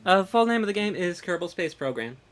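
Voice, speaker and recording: A woman live-streaming a game, animated and joking, often scolding chat and stumbling over repeated words. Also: lowish voice, fairly quick. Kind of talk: casual live-stream chat while playing.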